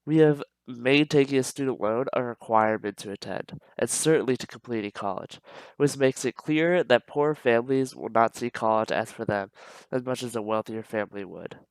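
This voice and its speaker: A young man with a stuffed-up, slightly nasal voice, reading a prepared persuasive speech as a student, earnest and steady with small stumbles. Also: medium pitch, moderate pace, smooth, no echo, poor audio.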